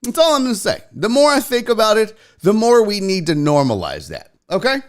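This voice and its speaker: Man, livestream host, high voice, very lively pitch swings, casual chat, profane, slangy, joking. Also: brisk. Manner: informal, slangy greetings like a buddy.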